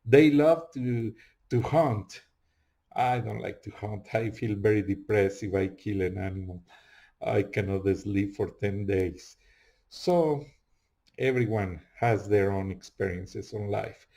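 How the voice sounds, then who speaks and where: Man hosting a show, heavy spanish accent, broken english, slow and earnest, repeats himself. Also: lowish voice, gravelly, dark tone. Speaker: host. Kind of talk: casual monologue.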